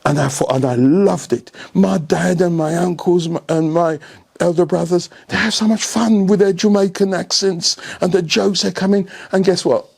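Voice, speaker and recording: He sits high in pitch, moves at a moderate pace, and sounds husky with some vocal fry. An older man from England, he's a senior coach sharing animated interview anecdotes, full of rhetorical questions and repeated checks for agreement.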